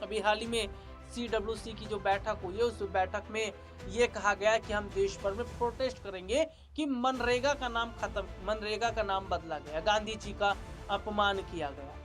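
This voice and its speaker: A man's voice: sits high, normal speed. A man presenting a news report, emphatic, repeating points and asking rhetorical questions. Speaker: news anchor. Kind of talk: news commentary. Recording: faint background music.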